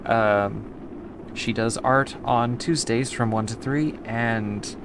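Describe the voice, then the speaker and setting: Her voice is very deep, her intonation fairly even, and her pace slow, with background noise audible. She is a woman from the United States streaming a game, chatting loosely with viewers and responding to chat between moves.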